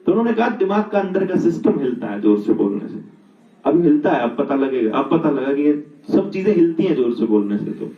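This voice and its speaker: A middle-aged man giving a reflective talk, telling stories and asking rhetorical questions. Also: high-pitched. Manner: storytelling, asks rhetorical questions. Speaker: speaker on natural living. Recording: roomy, distant, dull sound.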